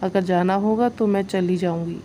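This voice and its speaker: A woman's voice: medium pitch, steady tone, moderate pace, dark tone, slight background noise, close to an everyday voice. A woman voicing a young woman who is emotional and wary in love, with a pleading manner, in a read-aloud story. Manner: pleading, tearful.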